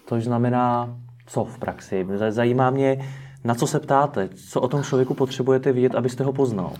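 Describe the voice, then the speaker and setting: A man's voice: mid-range voice, darkish tone, slight background noise. Probing male interviewer. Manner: probing, follow-up questions. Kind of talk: interview questions.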